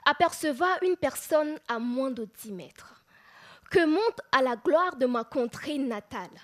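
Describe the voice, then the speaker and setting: Contestant, woman, high bright pitch, lyrical declamation. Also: animated, unhurried. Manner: lyrical, oratorical. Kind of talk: declaimed speech praising a hometown.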